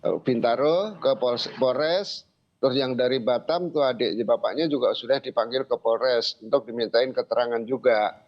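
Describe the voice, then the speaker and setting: Older male interviewee, halting and informal, recounting events; middle-pitched voice on muffled, lo-fi audio. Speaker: interviewee, grandfather of a missing child. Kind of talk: spoken interview account. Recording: dull lo-fi sound.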